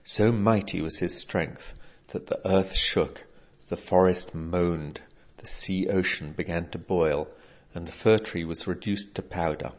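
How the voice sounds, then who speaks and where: A man narrates an old folk tale in a measured storybook way. His voice is very low and steady. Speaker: reader.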